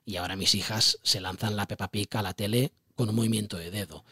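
A man with a Spain Spanish accent explains his ideas as an interview guest, chatty and animated. His voice is a bit husky, and he talks at a quick clip. The sound is dry and close. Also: fairly low pitch, dry recording. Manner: animated, chatty, asks rhetorical questions. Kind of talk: casual explanatory interview talk.

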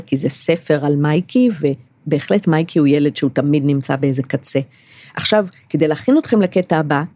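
A woman's voice: low voice, mellow, no room sound. A middle-aged woman reading a children's book aloud and leading a discussion about it, patient and often checking in with questions. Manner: patient, asks listeners questions.

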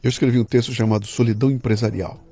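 Speaking in rapid-fire bursts with a breathy edge, this man has a mid-range voice and a Brazilian Portuguese accent. He hosts a podcast interview, keeping things casual and animated while performing small quoted asides.

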